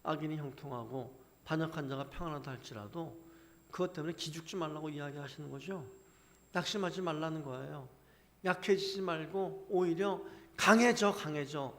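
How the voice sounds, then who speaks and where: A man preaching from the pulpit in a slightly high voice, his words ringing with long reverb through a church sanctuary. He keeps turning to the congregation with rhetorical questions and drives his points home with growing force. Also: fairly quick. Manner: asks the congregation many rhetorical questions, building to forceful emphasis. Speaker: pastor. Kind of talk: sermon.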